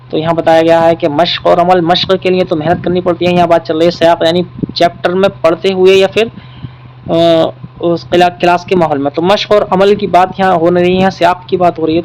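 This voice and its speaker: High-voiced man teaching an exam-prep lesson. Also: level tone, rough recording. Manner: explains patiently, repeats key points.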